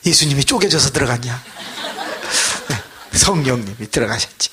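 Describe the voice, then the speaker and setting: A man pastor preaching a revival sermon, telling a story with animated, acted-out voices. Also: medium pitch, normal speed, slight background noise.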